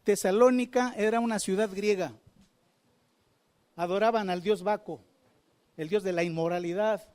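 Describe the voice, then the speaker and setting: A man's voice: high voice, moderate pace, darkish tone. A man preaching a sermon, asking the congregation questions and repeating phrases for emphasis. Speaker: pastor.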